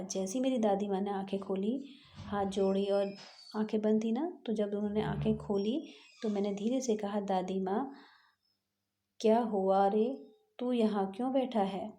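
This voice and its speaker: A school teacher with a medium-pitched, mellow voice reads a textbook chapter aloud, then retells each passage in simpler words. She explains slowly and patiently, pausing and restarting as she goes.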